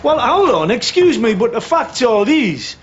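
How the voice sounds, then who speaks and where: A cocky, blustering builder with a scheme to sell. His voice sits high for a man. The sound is muffled, with a faint hiss under it. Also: sing-song, a little slow, exaggerated voice. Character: brash scheming working-class builder.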